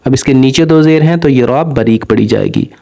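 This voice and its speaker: A man's voice: medium pitch, creaky, dark tone. Patient man teaching Quran recitation. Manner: patient, spells each letter and then stretches the joined word slowly. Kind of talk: spelling out and drawing out Arabic syllables in a recitation lesson.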